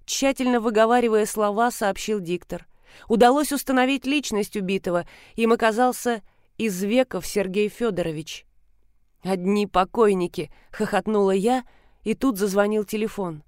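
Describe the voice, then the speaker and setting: A woman narrating an audiobook in a clear, even reading. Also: medium pitch, moderate pace, no echo, studio quality.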